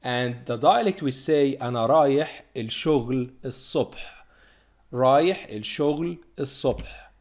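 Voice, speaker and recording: Male teacher, lively, sing-song delivery, slow drilling repetitions for beginners. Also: mid-range voice. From Egypt. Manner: slow, repeated drilling of words. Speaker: Arabic teacher. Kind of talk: language lesson.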